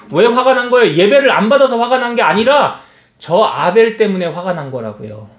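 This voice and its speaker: In an echoing church hall, a senior pastor preaches, his high and energetic voice rising and falling as he throws rhetorical questions at his congregation.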